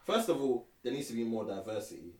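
A man's voice: medium pitch, sing-song, quick pace, a little mellow, recorded from a distance. A young man gives slangy, opinionated takes as a podcast co-host. He sounds roomy, set back from the mic. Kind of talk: casual chat.

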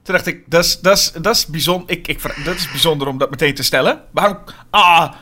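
A man co-hosting a casual chat about a show, animated and laughing as he acts out quotes. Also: on the high side, a little fast, music in the background. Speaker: podcast co-host reviewing a theatre show.

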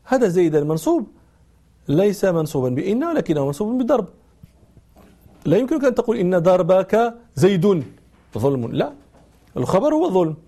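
A man giving a religious lesson, telling a story and patiently explaining grammar with lively rhetorical questions. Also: high-pitched, fast talker, pauses often, slightly rough. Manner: explains grammar patiently, acts out quoted dialogue. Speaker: Islamic scholar and teacher.

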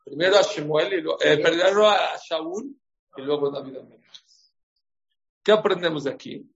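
A man's voice: a little high, normal speed. A man giving a sermon as a rabbi, telling stories and asking his listeners questions. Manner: storytelling, asks the audience questions. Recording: dull lo-fi recording.

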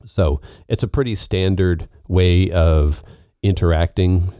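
A man with a very low, mellow voice talks in a casual podcast, laying out technical ideas plainly and patiently. The sound is dry and close. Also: takes it slowly, smooth, dry recording. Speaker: co-host.

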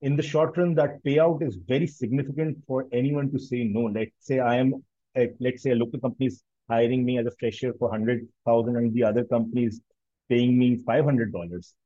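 A man's voice: medium pitch, fairly even intonation, a little fast, mellow, dry recording, muffled recording. A man with a Pakistani accent talking analytically in casual conversation, often rephrasing himself mid-sentence.

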